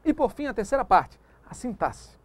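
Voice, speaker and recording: A male teacher giving a recorded grammar lecture, lively and emphatic, dragging out example words and adding chatty asides to the viewer. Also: extremely high pitch, normal speed.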